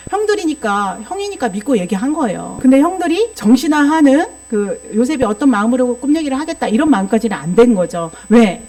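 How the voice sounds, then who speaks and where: A woman's voice: a little high, mellow. A woman preaching a sermon that mixes in psychology teaching, explaining patiently and often asking the congregation rhetorical questions.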